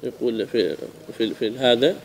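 A man teaching a grammar lesson, asking his students questions and repeating key phrases slowly. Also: mid-range voice, gravelly, a little hiss or hum.

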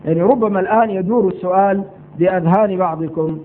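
A man giving a measured, explanatory sermon to his brothers and sisters. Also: high-pitched, a little hiss or hum. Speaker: preacher. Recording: tinny phone-like sound.

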